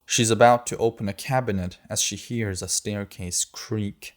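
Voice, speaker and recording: Male narrator, audiobook, low voice, measured and steady reading. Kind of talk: scripted narration.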